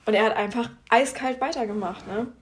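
Woman w a slightly high voice, laid-back, quick little quips in a casual chat. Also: a little hiss or hum. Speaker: podcast co-host. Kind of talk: casual chat recapping a reality show.

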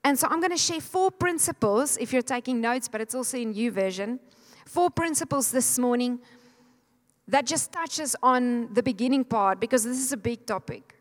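A woman's voice: fairly high pitch, moderate pace. A middle-aged woman, preaching a fervent sermon and urging the congregation to answer back. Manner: fervent, exhorting, leads the congregation in call and response. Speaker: pastor. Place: church sanctuary. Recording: long hall reverb.

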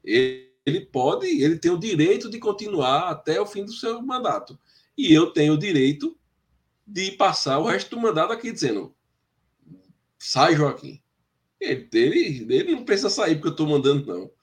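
A man's voice: fairly high pitch, big pitch swings, a little fast. A man, commenting on a fan football debate show, hesitant and searching for words, sharply critical.

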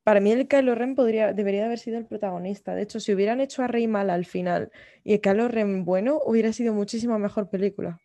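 A woman's voice: medium pitch, fast talker, mellow, dry recording. Opinionated woman. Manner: opinionated, playful, mimics accents. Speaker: podcast co-host. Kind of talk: casual chat. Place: lives in the English Midlands.

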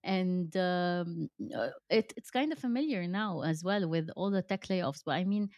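A woman's voice: fairly low pitch, a little slow, darkish tone, dry recording, studio quality. A woman in her thirties hosting an interview, chatty with many fillers and restarts. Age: 30s. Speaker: host. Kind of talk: conversational interview.

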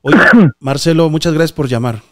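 A man with a Mexican Spanish accent runs a live call-in show, greeting callers briskly and courteously. His voice sits a little high for a man. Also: fairly bright tone. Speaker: host taking calls.

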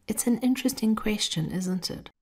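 A woman hosting a motivational podcast, speaking in a reflective monologue with gentle, deliberate, measured phrasing and a creaky voice. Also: medium pitch, soft background music. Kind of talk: reflective guided encouragement monologue.

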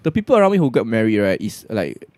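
Animated Singaporean man chatting in Singlish. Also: on the low side, fast, no room sound. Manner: colloquial Singlish with local slang and particles; animated, exclamatory teasing. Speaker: podcast co-host. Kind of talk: casual chat.

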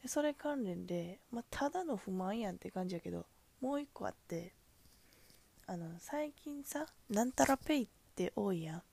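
A woman's voice: medium pitch, expressive, moderate pace, vocal fry, darkish tone. A woman with a Kansai accent, a cashier, venting in a chatty, exasperated way about customers at the register. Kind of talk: casual venting monologue.

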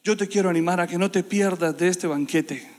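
A man preaching a sermon to his congregation, impassioned and building to loud, repeated emphasis. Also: sits high, fairly quick. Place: church hall. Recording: long reverb of a church hall.

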